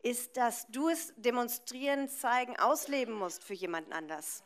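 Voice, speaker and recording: A woman's voice: fairly high pitch, expressive, moderate pace. A woman interpreting a preacher live, phrase by phrase, in a consecutive style.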